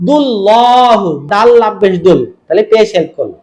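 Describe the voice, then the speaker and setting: A man teaching Quran recitation in a tajweed lesson. He drills syllables, asks the viewer quick questions and draws out recited words slowly. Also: high-pitched, expressive, darkish tone, a little hiss or hum. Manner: repeats drills, quizzes the viewer.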